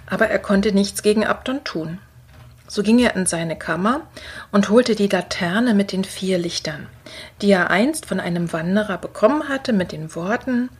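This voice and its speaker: A woman reading a children's Christmas story aloud in a soft, partly whispered storytelling voice. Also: mid-range voice, husky.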